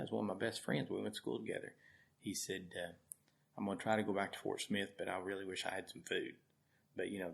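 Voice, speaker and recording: Low gravelly man. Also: a bit bright. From Arkansas. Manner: heartfelt, rambling, repeats words. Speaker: guest, food charity volunteer. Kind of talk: storytelling in conversation.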